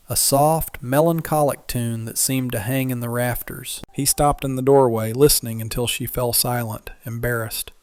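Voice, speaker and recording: A male narrator telling a frontier tale in a measured, even way, at a middle pitch. The sound is dry and close, with no trace of room. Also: dry recording. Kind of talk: scripted story narration.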